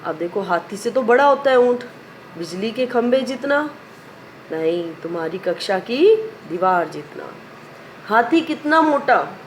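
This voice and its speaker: A woman's voice: a little high, sing-song, unhurried, slight background noise. A woman teacher reciting a children's poem in a sing-song way, asking questions and answering them herself. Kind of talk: primary school lesson recitation.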